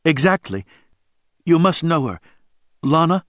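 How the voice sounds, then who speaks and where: A woman's voice: low voice, sing-song, a little slow, no room sound, studio quality, pitched above the performer's own voice. A man voicing a frightened, hesitant young woman in an audiobook. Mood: hopeful.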